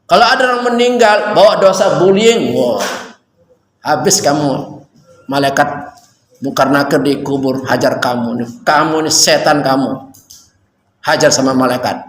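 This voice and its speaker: A man giving an animated religious talk to students, going from loud urging to hushed warnings. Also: on the high side, unhurried, slight background noise. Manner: animated, swings from loud to hushed, calls listeners nak. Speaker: religious teacher at a school orientation. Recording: echoey hall with faint ambience.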